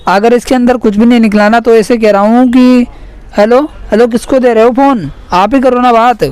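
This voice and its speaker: A man with a notably high, smooth and clear voice makes a prank phone call. He talks with mock-earnest insistence and keeps repeating a polite "madam" as he pleads. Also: fairly even intonation, normal speed, a little mellow, dry recording. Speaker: prank caller.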